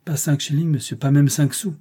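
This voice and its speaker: Male reader as reserved young governess, audiobook, mellow breathy voice. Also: on the high side, fairly even intonation, a little fast, pitched above the performer's own voice. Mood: firm. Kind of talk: audiobook reading.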